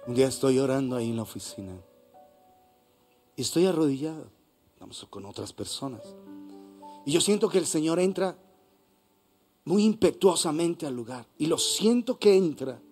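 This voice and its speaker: A man with a Colombian accent preaching a sermon as pastor, swinging between hushed and loud passages. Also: on the high side, expressive, normal speed, pauses often, soft background music. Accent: Colombian Spanish. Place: church hall.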